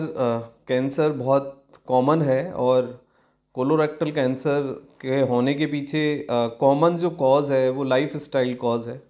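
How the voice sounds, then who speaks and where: A man in his forties, a physician, explaining health topics to camera from a small clinic office, unhurried, with many fillers and English medical terms. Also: medium pitch, a little mellow. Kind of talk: health education talk to camera.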